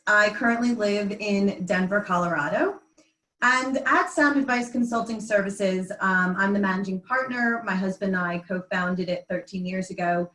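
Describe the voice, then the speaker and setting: A woman's voice: medium pitch, fairly bright tone. Orderly woman in her forties, roomy sound. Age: 40s. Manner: orderly, listing, with frequent "um"s. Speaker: panelist, consultant. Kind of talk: panel self-introduction. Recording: roomy, distant laptop mic.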